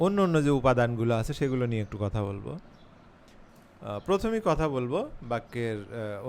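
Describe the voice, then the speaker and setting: A man teaching grammar at an unhurried, patient pace, his voice sitting a little higher than most men's. He often stops to spell words out letter by letter and fills his pauses with soft "uh"s. A faint hiss of background noise runs under the recording. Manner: patient, slow explanations, spells words letter by letter, frequent "uh" fillers. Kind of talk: explaining grammar in a class video.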